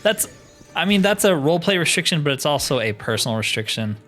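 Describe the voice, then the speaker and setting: The host of a gaming playthrough, a man with a fairly high, sing-song voice and a fairly bright tone, talks fast in casual, chatty let's-play commentary. He often explains himself in asides, with faint music playing behind him.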